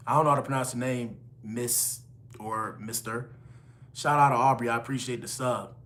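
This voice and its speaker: This livestream host, a man in his twenties, reads out names from chat and replies to viewers in relaxed slang. He talks at a moderate pace in a mid-range, slightly bright voice with fairly even intonation.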